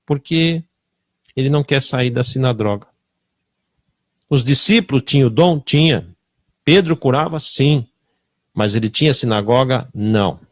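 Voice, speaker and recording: A man preaching a sermon with a Brazilian Portuguese accent, confrontational and full of rhetorical questions, swinging between loud bursts and hushed asides. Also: mid-range voice, a little slow, pauses often, dry recording.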